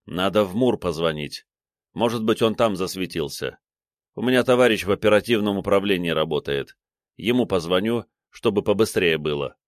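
Businesslike major, brisk and matter-of-fact, read by a male narrator; lowish, dry. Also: animated, dry recording.

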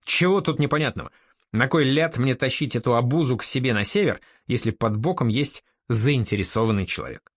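A man voicing a bold young male raider-merchant leader in an audiobook, curt and sharp-tongued. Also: medium pitch, a little fast, no room sound, close to an everyday voice. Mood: brusque.

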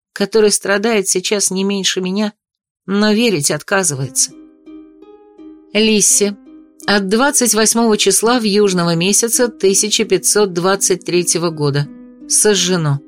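A woman's voice: medium pitch, no echo. A woman reading a first-person audiobook, narrating and pleading emotionally as the heroine.

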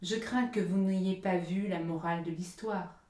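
A woman's voice: lowish voice, fairly even intonation, a little slow, darkish tone, distant mic, natural voice. A woman voicing a small, blunt female songbird who talks lightly and offhandedly, in a storybook reading. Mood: offhand. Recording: roomy echo.

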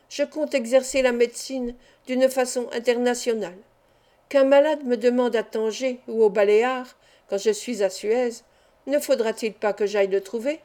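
Woman reader as measured, serious male doctor, mellow tone, a bit high. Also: natural voice. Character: kind, serious, wealthy middle-aged male doctor.

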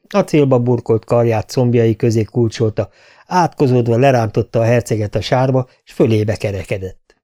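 A man narrating a fantasy story as an audiobook reader, measured and steady. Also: mid-range voice. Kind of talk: scripted narration.

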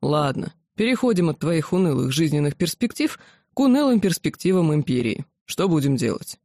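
A reader voicing a blunt, rough-spoken werewolf general, an older man, in an audiobook. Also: mid-range voice, very animated, normal speed, darkish tone, dry recording, studio quality. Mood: dry. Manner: plain-spoken, rough, awkward. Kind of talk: audiobook character voice.

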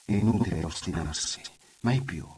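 A man's voice: low voice, normal speed, a little mellow, husky. A man reads a literary novel aloud in an intimate, reflective voice. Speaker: audiobook narrator. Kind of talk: literary audiobook reading.

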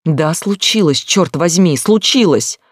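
A man voicing a distraught young woman, desperate and demanding, pleading and rising to shouts. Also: on the high side, animated, moderate pace, no echo, studio quality, close to an everyday voice.

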